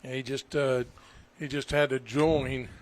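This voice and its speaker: A man's voice: mid-range voice, little pitch movement, unhurried. A man giving conversational golf commentary as an agreeable co-commentator.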